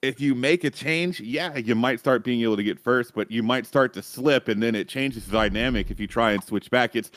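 A man's voice: medium pitch, brisk, few pauses, a bit bright, no echo. Hedging man talking esports. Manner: hedging, thinks aloud with many "I mean"s. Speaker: esports panel analyst. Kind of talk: casual panel discussion.

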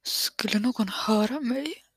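A woman's voice: fairly high pitch, slightly rough, no echo. A woman whispering nervously as she narrates a horror game, stammering and swearing under her breath.

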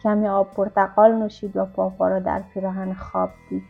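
A woman reading a literary novella aloud as an audiobook narrator, in a calm, even storytelling manner. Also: medium pitch, gravelly. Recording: dull lo-fi recording with faint music.

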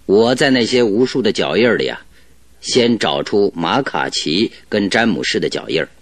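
An actor playing a confident, cheerful detective in a radio drama, explaining things in an animated, self-assured, didactic way. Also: male voice, lowish voice, moderate pace, no echo. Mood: assured deducing. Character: Sherlock Holmes, confident, cheerful male detective explaining deductions. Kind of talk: Chinese radio drama acting.

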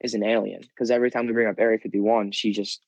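A man's voice: lowish voice, level tone, quick pace, vocal fry, darkish tone, no echo, low-quality recording. A teenage boy co-hosting a podcast, telling a long rambling story full of fillers and restarts. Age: teens. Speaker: podcast co-host. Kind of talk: casual chat.

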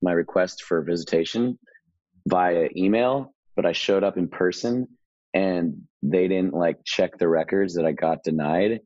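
A man's voice: low-pitched, a little slow, a little mellow, no room sound, highs cut off. A man being interviewed as a guest musician, telling a personal story in a laid-back, slangy, rambling way. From Hawaii.

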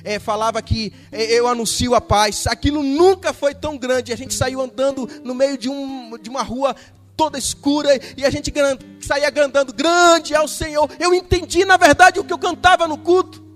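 A Brazilian pastor preaching a sermon, retelling a story with lively acted-out dialogue. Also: male voice, extremely high pitch, normal speed, long reverb tail, faint music behind. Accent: Brazilian Portuguese. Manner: animated storytelling, acting out dialogue.

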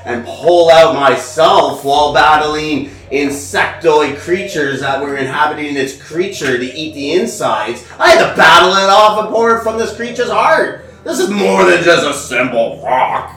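A man voicing a boastful male dwarf warrior in a grandiose, slow bragging way. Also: on the high side, expressive, fairly bright tone, faint music behind. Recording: echoey room, mic at a distance.

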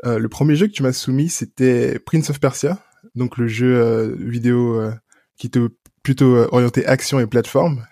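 A man's voice: medium pitch, steady tone, moderate pace, creaky, mellow, no echo. A man hosting a video game podcast, introducing a guest and asking questions with some fillers. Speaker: podcast host. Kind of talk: podcast interview.

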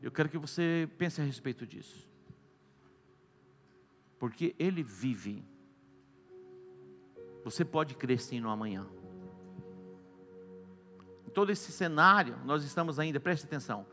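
A Brazilian man delivers a sermon in a bright, forceful voice that sits a little high. He swings between loud exclamations and quiet, hushed lines, with faint music playing behind him. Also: lively intonation, a little slow, pauses often. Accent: Brazilian Portuguese. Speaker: apostle preaching.

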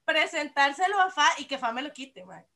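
A woman's voice: sits high, expressive, normal speed, pushed and bright. A Costa Rican woman chatting casually as a podcast co-host, playful and dramatic, mixing Spanish and English in Spanglish. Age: 30s. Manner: Spanglish, switching between Spanish and English mid-talk. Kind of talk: casual chat.

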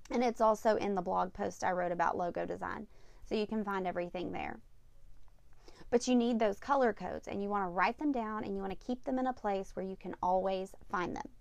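A woman's voice: mid-range voice, vocal fry, no room sound. A woman hosting a casual solo advice podcast, giving upbeat, tidy step-by-step tips like a vlogger. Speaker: podcast host.

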